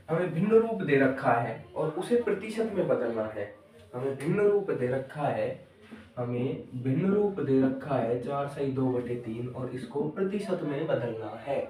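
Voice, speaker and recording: The male teacher's mid-range voice is dark in tone. He explains a maths lesson in steps, repeating each, addressing the pupils as children and asking them questions, while the echoey room and distant mic colour the sound.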